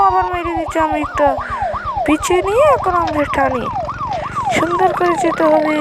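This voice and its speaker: High-pitched and gravelly, the gamer talks through her gameplay video casually, describing every move in brief, repeated phrases. Vehicle and siren noise make the recording noisy.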